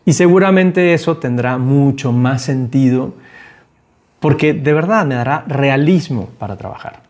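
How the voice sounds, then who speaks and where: A man's voice: mid-range voice, a little slow, a little mellow. A man, hosting a reflective talk and earnestly encouraging the listener. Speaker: podcast host.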